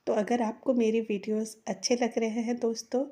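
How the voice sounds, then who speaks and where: A middle-aged woman, hosting her own channel and giving measured, persuasive advice straight to her viewers, whom she calls friends. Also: on the high side, little pitch movement, mellow. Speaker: channel host. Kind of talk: slow earnest advice to viewers.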